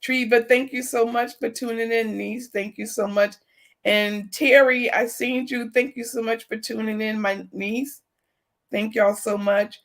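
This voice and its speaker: A woman's voice: on the high side, little pitch movement, a little slow. A middle-aged woman hosting a podcast in casual chat, often repeating short affirmations and thanking viewers by name. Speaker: podcast host.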